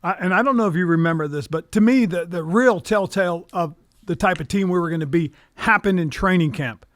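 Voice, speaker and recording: A man's voice: high voice, fairly quick, a bit bright, dry recording, clean studio sound. A man in his sixties, a former head coach hosting, telling stories earnestly with frequent restarts. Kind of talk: reminiscing conversation.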